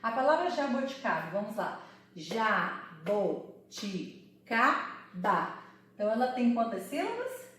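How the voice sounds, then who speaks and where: A woman teaching a Portuguese lesson for children, sounding out words slowly syllable by syllable. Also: on the high side, sing-song, heavy reverb, recorded from a distance. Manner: slow, syllable-by-syllable explaining.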